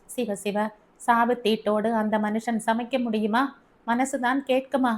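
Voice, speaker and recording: A woman as a gentle, patient young wife. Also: fairly high pitch, a little slow, lightly acted. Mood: gentle, pleading. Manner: soft, calm and pleading. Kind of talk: audiobook character reading.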